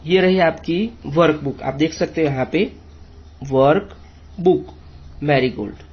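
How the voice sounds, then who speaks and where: A man's voice: on the high side, unhurried, husky, muffled recording. A man teaching a children's English lesson, patiently spelling words letter by letter.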